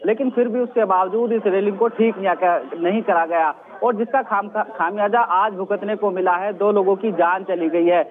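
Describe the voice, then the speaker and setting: A man's voice: high voice, steady tone, normal speed, few pauses. A male field reporter giving an earnest live news report from outdoors at a scene, repeating the key questions. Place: outdoors at a mall. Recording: tinny phone-line audio.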